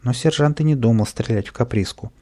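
A man narrating a children's storybook in a lively, expressive way. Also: medium pitch, brisk. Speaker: audiobook narrator.

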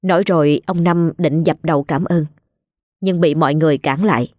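Low-voiced woman narrator. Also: a little fast, darkish tone, no room sound, studio quality. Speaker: storyteller. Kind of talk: scripted ghost-story narration.

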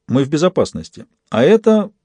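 A man narrating an audiobook voices a serious young boy who speaks curtly and gravely. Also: fairly high pitch, very animated, a little fast, mellow, dry recording. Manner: curt, grave.

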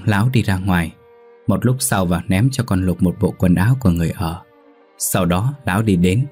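A man narrating a scripted horror story in a steady, measured manner. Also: low-pitched, slightly rough. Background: faint background music.

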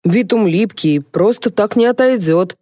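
A dim, plodding construction foreman who works things out aloud, as a woman reading aloud puts him on. The tone is dark and mellow, with a dry, close sound. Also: mid-range voice, unhurried, no room sound, close to an everyday voice. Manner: plodding, simple-minded. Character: slow-witted male construction foreman.

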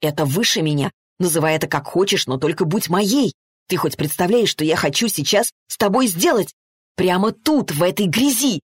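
A woman voicing a passionate, insistent young man in an audiobook, speaking low, slow and coaxing. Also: no echo, studio quality, natural voice. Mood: urging.

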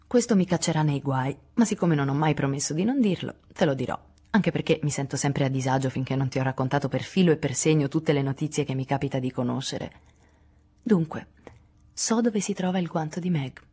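A woman's voice: low voice, a little fast, dark tone, slightly rough. A woman reading aloud, voicing a cheerful, teasing teenage boy in a playful, coaxing way.

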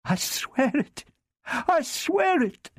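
A woman's voice: medium pitch, takes it slowly, no room sound, clean studio sound, pitched above the performer's own voice, lightly acted. A man voicing a frightened young female servant who pleads desperately.

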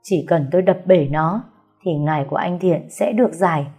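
A woman's voice: on the low side, normal speed, dark tone, husky, soft background music. A woman reading a novel aloud voices a desperate young wife who hurls accusations. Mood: accusing. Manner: accusing, heated.

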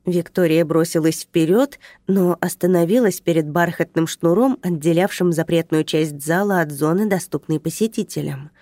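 A woman narrating a story aloud in an expressive, even reading voice. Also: lowish voice, normal speed, few pauses, no room sound, studio quality. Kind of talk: audiobook reading.

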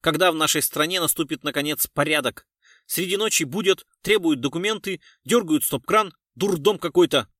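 A man voicing a touchy, pompous male cultural worker who complains loudly and haughtily. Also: lowish voice, a little slow, hardly any pauses, no room sound, studio quality, voice pushed down. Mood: outraged.

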